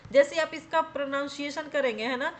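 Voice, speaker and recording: Speaking fairly quickly in a high-pitched voice, a woman walks viewers through an exam-prep grammar lesson one step at a time. She frequently poses questions and answers them herself, saying "theek hai" again and again to make sure viewers are with her.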